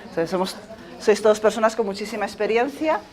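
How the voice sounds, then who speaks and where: A woman's voice: mid-range voice, fairly quick, crowd noise. A woman co-leading a training workshop, explaining plainly and addressing the group in an inclusive way. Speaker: workshop facilitator. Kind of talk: informal workshop talk.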